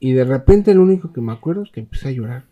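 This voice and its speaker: Husky Mexican man telling a story. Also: mid-range voice, very fast, narrow, tinny audio. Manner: animated, slangy, acts out other people's voices. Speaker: podcast host. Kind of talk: casual storytelling chat.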